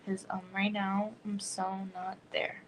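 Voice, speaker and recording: A woman's voice: medium pitch, little pitch movement, takes it slowly, slight background noise, poor audio. A woman in her thirties chatting casually on a home livestream, rambling with many "like" fillers and slipping into whispers. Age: 30s. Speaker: livestream host. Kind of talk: casual chat.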